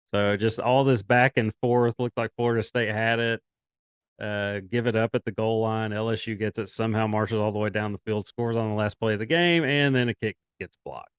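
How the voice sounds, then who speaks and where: A man's voice: lowish voice, moderate pace, clear, resonant tone, no room sound. Rambling young man talking football. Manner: rambling, animated, quotes others in put-on voices. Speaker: sports podcast co-host. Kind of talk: casual sports chat.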